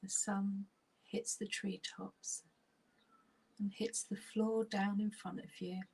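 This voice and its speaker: In a poor-quality recording, a woman with a husky, breathy, almost whispered voice guides listeners through relaxation. Her mid-range voice has a flat delivery, and she takes her time, soothing and slow, with long pauses.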